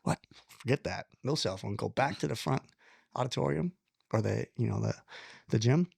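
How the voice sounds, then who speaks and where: A man telling a long personal story in casual conversation, animated, blunt and self-deprecating, with the odd curse word. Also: mid-range voice, normal speed, vocal fry, slightly rough, dry recording, studio quality. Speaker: podcast guest.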